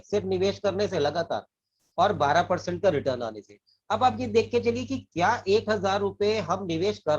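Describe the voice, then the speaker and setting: A man's voice: high voice, darkish tone. A man working as a financial advisor, earnestly explaining saving and investing, often repeating and restarting his phrases. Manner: earnest, repeats and restarts phrases, mixes English terms into Hindi. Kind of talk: explanatory talk to camera. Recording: dull lo-fi recording.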